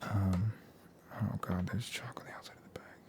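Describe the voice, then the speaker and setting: A young American man speaking in a hushed, soft ASMR voice that slips into whispers, chatting casually in a laid-back, slangy, meandering way. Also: sits low, flat delivery, normal speed. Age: young adult. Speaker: ASMR video host. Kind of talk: soft-spoken ASMR, casual rambling chat.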